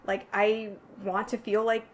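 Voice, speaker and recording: A woman from Southern California hosts a relaxed, chatty conversation in a mid-range voice. She reads questions aloud to her guest in an easy manner. A faint background hiss sits under the recording. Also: medium pitch, unhurried. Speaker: host. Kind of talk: casual chat.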